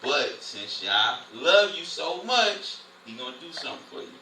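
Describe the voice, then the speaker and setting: Bright-voiced man preaching in a roomy hall. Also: fairly high pitch, normal speed. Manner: lively, conversational, animated preaching. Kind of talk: informal Bible study teaching. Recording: roomy, distant, faint noise.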